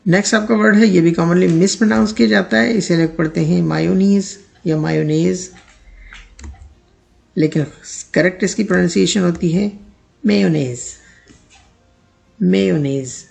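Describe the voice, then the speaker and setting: A man teaching English pronunciation in a lesson, speaking, who repeats each word slowly and then reads out an example sentence. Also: sits high, fairly even intonation, gravelly.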